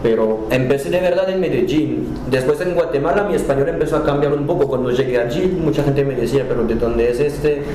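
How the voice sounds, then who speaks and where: In a casual interview, a French cultural center director appears as a guest and talks in Spanish with a French accent. His medium-pitched voice is friendly but halting, full of restarted words, and the audio is very echoey with background noise.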